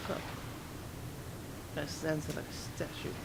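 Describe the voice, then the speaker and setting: A man playing a video game, giving casual, halting commentary in muttered remarks. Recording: game music and noise behind. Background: loud video game music.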